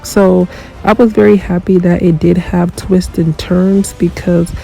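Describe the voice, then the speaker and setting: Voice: mid-range voice, flat delivery, measured pace, vocal fry, mellow, soft background music, rough recording. A chatty reviewer who is congested from a cold, rambling casually through a show review with plenty of fillers. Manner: rambling, conversational, lots of fillers.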